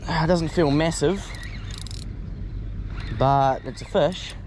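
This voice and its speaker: A young adult fishing vlogger with a New Zealand accent chats casually while fishing from an outdoor wharf, laid-back and chatty but excitable when he hooks a fish. His voice is a little high and slow, recorded on a camera-mounted mic outdoors with a little hiss or hum and background music.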